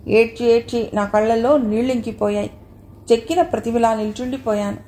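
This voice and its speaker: Woman narrating a novel, dramatic delivery, soft mellow voice, faint noise behind. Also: fairly high pitch, brisk. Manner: emotive, dramatic. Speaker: audio novel reader. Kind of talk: first-person audio novel narration.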